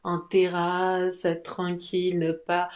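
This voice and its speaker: Playful, chatty woman with a lowish voice. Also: monotone, slow, a little mellow. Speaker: podcast co-host. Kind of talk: casual chat.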